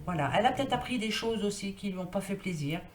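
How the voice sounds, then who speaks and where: A woman's voice: medium pitch, animated, fast talker. A woman casually talking through a tarot card reading, rambling and thinking aloud with lots of fillers. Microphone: built-in computer mic. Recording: echoey room, faint noise.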